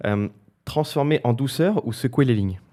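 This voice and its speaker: A man hosting a podcast interview, asking questions in a relaxed, playful way. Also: mid-range voice, moderate pace. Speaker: podcast host.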